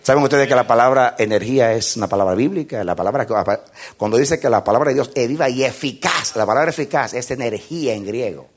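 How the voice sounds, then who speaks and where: A man preaching a sermon in an animated, emphatic way, with playful moments where he acts out little scenes. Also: medium pitch, quick pace, slightly rough.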